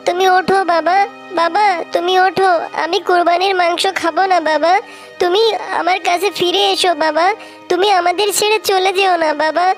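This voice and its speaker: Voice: extremely high pitch, steady tone, moderate pace, soft background music. A woman voicing a young female fox daughter in a cartoon, pleading and sobbing. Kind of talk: cartoon voice acting.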